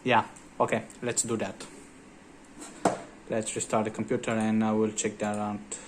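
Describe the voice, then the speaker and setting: A man's voice: fairly low pitch, little pitch movement, unhurried, noisy background. A man hosting a tech channel, talking casually over his screen with many hesitant filler sounds. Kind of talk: casual screen-recorded commentary.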